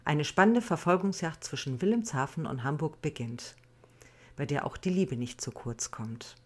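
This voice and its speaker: Female author reading her book aloud; low, husky, steady storyteller. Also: normal speed. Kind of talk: audiobook reading.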